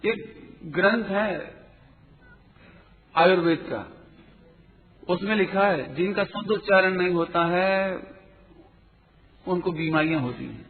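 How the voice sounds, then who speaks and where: A man teaching as a Jain teacher in a spiritual lecture, explaining quickly and earnestly and correcting pronunciation. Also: high-pitched. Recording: tinny phone-like sound in a reverberant hall.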